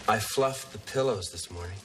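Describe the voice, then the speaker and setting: A man's voice: on the low side, normal speed, heavy background noise, lightly acted. A man playing a teasing single father in a 1990s sitcom, with dry, sarcastic wit. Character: wry, teasing middle-aged single dad.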